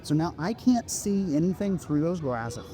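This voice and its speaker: A man's voice: fairly high pitch, sing-song, normal speed, background noise. A man casually demonstrating a product to someone face to face, with informal, instructive sales patter. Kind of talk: casual product demo to a passer-by.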